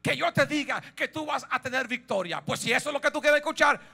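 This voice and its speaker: A defiant prophet stretches out his words in open mockery, as a preacher puts him on. The voice is high, bright and a little gravelly. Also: exaggerated voice. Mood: sarcastic. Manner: mocking, drawn-out sarcasm. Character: sarcastic, defiant male prophet.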